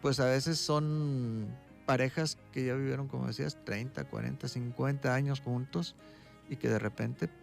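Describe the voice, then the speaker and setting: Brief: male doctor, interview guest, gravelly mid-pitched voice, patient explanatory delivery. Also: normal speed, faint music behind. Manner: calm, explaining, tags points with "¿sí?".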